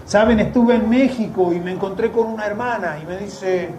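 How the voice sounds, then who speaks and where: Argentine male preacher, conversational with sarcastic asides, high voice in a roomy church. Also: normal speed, darkish tone. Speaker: missionary preacher. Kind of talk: sermon. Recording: echoey church room, faint noise.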